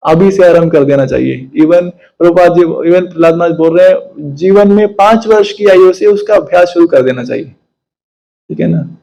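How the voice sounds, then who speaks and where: A man's voice: on the high side, moderate pace, creaky, warm tone, highs cut off. A man giving a spiritual discourse on scripture, explaining by asking questions and retelling stories, with frequent tag questions and English phrases. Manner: mixes English phrases into Hindi. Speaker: spiritual teacher.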